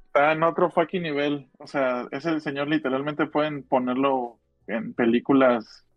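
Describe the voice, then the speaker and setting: A man's voice: medium pitch, fairly even intonation, moderate pace, no room sound, muffled recording, faint music behind. A man with a northern Mexican accent chatting casually in slang as a podcast co-host, rambling and repeating his phrases. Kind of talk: casual slangy chat about films and music.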